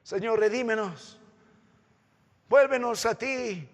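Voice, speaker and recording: A man with a Peruvian Spanish accent, preaching a sermon as pastor, with impassioned swings between loud exhortation and quiet consolation. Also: slow. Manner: impassioned preaching with sweeping pitch and loudness swings. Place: church sanctuary. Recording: church hall reverb.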